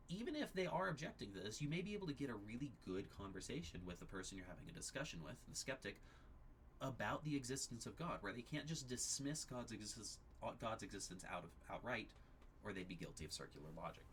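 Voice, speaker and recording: A man teaching an apologetics class at his church, explaining ideas in a measured, step-by-step way. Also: medium pitch, big pitch swings, slight background noise. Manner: explanatory, measured, occasional restarts.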